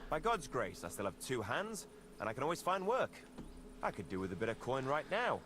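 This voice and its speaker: A man's voice: mid-range voice, wildly swooping pitch, fairly quick, a bit bright, slight background noise. An actor playing a hard-up male villager in a video game, talking in a plain, folksy way.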